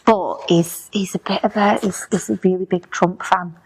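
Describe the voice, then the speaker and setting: A woman, co-hosting a podcast, blunt and opinionated and quick to laugh. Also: mid-range voice, fairly even intonation, breathy edge. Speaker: podcast co-host. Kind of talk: casual chat.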